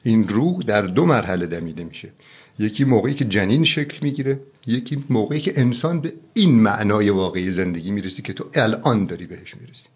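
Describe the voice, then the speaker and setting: A middle-aged man, a doctor, giving earnest, preachy advice on a phone call, slowing down for emphasis. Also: lowish voice, lively intonation. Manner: fervent, preachy, slows down for emphasis. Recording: tinny phone line.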